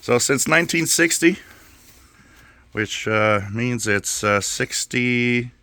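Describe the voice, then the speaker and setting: Filming a shop tour inside a small electronics repair shop, a male channel host narrates in a casual, unscripted vlog style. His mid-range voice is animated, slow, pushed and bright, and the recording is dry.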